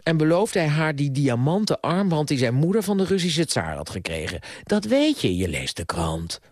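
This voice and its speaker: A man's voice: a little high, big pitch swings, normal speed, darkish tone, no room sound, voice pushed up. A pompous grey-haired uncle, played by a male reader who lectures like a man of the world. His voice rises and falls widely as he preaches, recorded dry and close. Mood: stern. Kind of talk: radio play reading.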